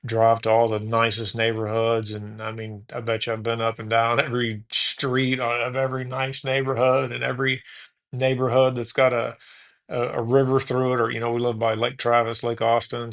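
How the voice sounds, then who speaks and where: A podcast host in his late forties from Houston tells his story in a loose, rambling way. His mid-pitched voice carries a gravelly crackle. He keeps backing up to correct himself and drops in "man" and "dude". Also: completely flat delivery, moderate pace, a bit bright. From Houston, USA. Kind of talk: casual storytelling interview answers.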